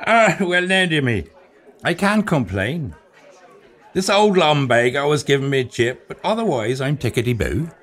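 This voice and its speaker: Gullible Irish sidekick male actor, fairly high voice, quaint wordy phrasing, very animated, audio drama. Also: moderate pace, some chatter behind. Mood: genial. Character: gullible, good-natured Irish drinking pal, a bit slow.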